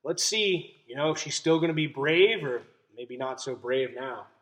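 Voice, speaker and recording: Here a teacher reads from a picture book to children, pausing to explain and to pose questions. His mid-range voice is animated, and he keeps a moderate pace.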